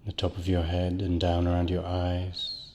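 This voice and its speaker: Man, hypnotist, very deep voice, monotone, long reverb, slow soothing induction. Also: slight background noise. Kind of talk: guided hypnosis relaxation script.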